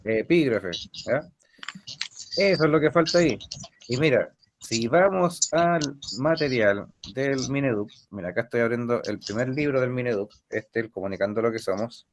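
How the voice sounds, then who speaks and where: A man's voice: medium pitch, moderate pace, a little hiss or hum. A man with a Chilean Spanish accent, teaching an online language class, explaining patiently and quizzing a student. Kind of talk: recorded language lesson.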